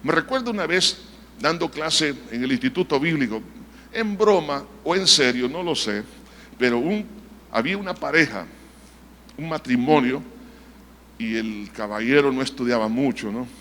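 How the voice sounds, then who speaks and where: A man's voice: medium pitch, animated, moderate pace, pauses often, fairly bright tone, long reverb tail, slight background noise. A man preaching a sermon as pastor, firing rhetorical questions at the congregation and acting out short quoted voices in his stories. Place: church sanctuary.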